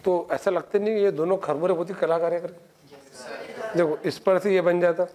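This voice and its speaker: A man's voice: high voice, steady tone, normal speed, background noise. A middle-aged man teaching chemistry in a coaching classroom, lecturing and quizzing students with constant checks. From India.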